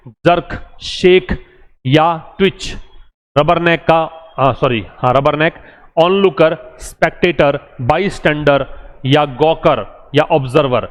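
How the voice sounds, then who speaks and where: An Indian-accented man teaches English vocabulary, his fairly high voice running through lists of synonyms again and again like a drill. He slows down carefully whenever he reads an English example sentence. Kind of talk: vocabulary lesson.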